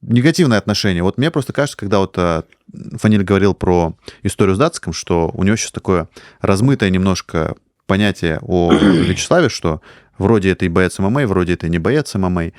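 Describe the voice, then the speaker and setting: A man's voice: low voice, animated, fast, darkish tone, no room sound, clean studio sound. A man hosting a casual sports talk show, talking in a conversational way.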